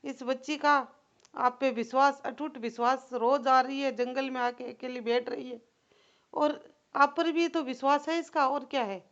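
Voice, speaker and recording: A woman's voice: high voice, steady tone, normal speed, vocal fry, fairly bright tone. A woman voicing a devoted goddess who pleads earnestly and insistently on someone's behalf. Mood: pleading. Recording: dull lo-fi recording.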